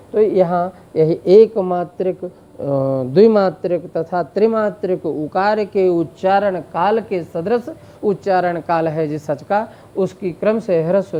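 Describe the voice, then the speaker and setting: A man teaching Sanskrit grammar in a slow explanatory lecture, drawing out vowel sounds to demonstrate them, with frequent fillers. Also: high voice, warm tone, dull audio. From India.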